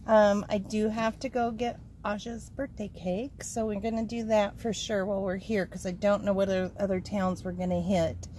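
A woman's voice: mid-range voice, little pitch movement, normal speed, few pauses, warm tone. A woman hosting a casual travel vlog, chatty, filming herself on a handheld phone. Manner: chatty, coos at the dog. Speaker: vlog host. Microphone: handheld phone camera. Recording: noisy phone recording.

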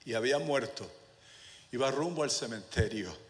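A male pastor preaching a sermon, moving between quiet asides and shouted passages, with English phrases dropped in. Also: mid-range voice, expressive, normal speed. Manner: swings from soft to shouted preaching, with asides to the congregation. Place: church sanctuary. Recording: reverberant church hall with faint room noise.

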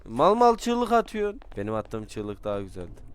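A young man chatting casually with friends while playing a multiplayer game, joking loudly, swearing and repeating words in quick bursts. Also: on the low side, huge pitch swings, a little hiss or hum. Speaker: gamer.

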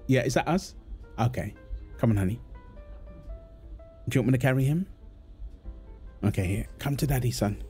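A man with a natural, mid-range voice plays a young husband and father in an intimate audio roleplay, talking gently to his partner and baby. He sounds calm, reassuring, and a little teasing.

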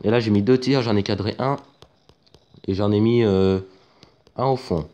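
A man commentating his own football video game match in a casual, excitable way, rising to shouts at big moments, with lots of fillers. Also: on the low side, normal speed. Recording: dull lo-fi home mic with faint noise.

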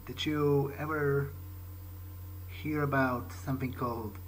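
Playing a video game in character, a man thinks aloud in a hesitant, musing way. His medium-pitched voice stays steady and slow, and prominent game music sits among the background noise.

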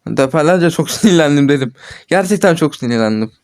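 A man with a fairly high voice talks through a mobile strategy game in casual commentary. He chats to his viewers, corrects himself often and sounds frustrated at his own mistakes. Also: expressive, quick pace, darkish tone. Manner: chatty, self-correcting, addresses viewers as friends. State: frustrated after repeated mistakes. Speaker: gaming channel host.

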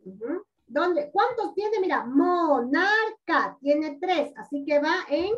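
A woman with a high voice teaches young children over a video call, patient and coaxing as she stretches out words for them. Her voice sits a little far from the mic and comes through dull and lo-fi. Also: sing-song, unhurried. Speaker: primary school teacher. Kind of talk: online class teaching. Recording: dull lo-fi audio, distant from mic.

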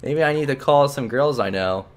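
Relaxed man narrating a game. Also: medium pitch, moderate pace. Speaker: let's play host. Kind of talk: casual gameplay commentary and reading.

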